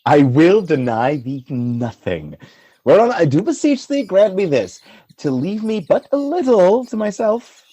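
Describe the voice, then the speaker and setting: In a theatrical, Shakespearean-style radio play, a man voices a proud military commander and devoted husband who is growing suspicious, shifting from tenderness to force. His exaggerated delivery is high, sing-song and a bit slow, with a tender, indulgent mood and no room sound.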